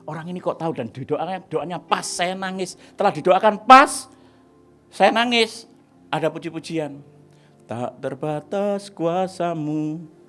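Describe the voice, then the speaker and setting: A pastor tells his testimony to a church congregation. His voice sits fairly high for a man, and he swings dramatically from hushed asides to shouted lines. Faint music plays softly underneath. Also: moderate pace. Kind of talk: testimony sermon. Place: church service.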